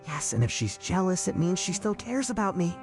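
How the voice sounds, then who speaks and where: Brief: a scheming young guy, low and gravelly, lively swings, music under. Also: a little fast. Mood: eager. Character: young man, boyfriend Alexander, scheming. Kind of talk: animated story voice acting.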